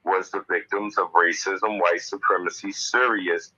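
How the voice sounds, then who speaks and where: A man's voice: sits low, fairly even intonation, measured pace, pushed and bright, husky. A man talking earnestly over a speakerphone call from his car, with frequent fillers and restarts. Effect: speakerphone call from a moving car. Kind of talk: casual discussion. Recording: dull, lo-fi car phone line.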